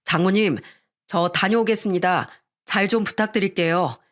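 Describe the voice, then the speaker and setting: A woman voicing a worried young husband in a radio story reading, asking slow, concerned questions. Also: medium pitch, close to an everyday voice.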